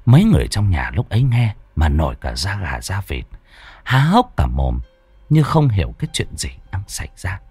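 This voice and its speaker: A man, narrating a ghost story in a dramatic, expressive way. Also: low-pitched, normal speed, breathy edge, no echo, faint music behind.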